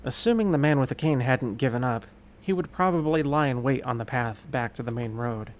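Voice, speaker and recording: A male gaming streamer reading a visual novel's narration aloud, with a steady voice and the odd slip he corrects. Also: mid-range voice, fairly quick. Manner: steady narrating read with occasional slips and self-corrections.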